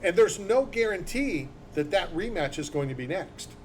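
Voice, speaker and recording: A Philadelphia-born man hosts a sports talk radio show, holding forth in an opinionated, emphatic, rambling way. His voice sits high and is expressive, at a normal speed, with slight background noise.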